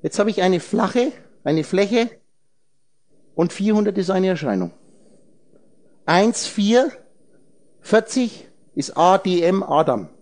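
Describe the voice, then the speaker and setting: With a high, sing-song voice, a darkish tone, a slow pace and long pauses, a man lectures a group on esoteric ideas. He rambles, splitting words into letters and numbers and putting questions directly to his audience.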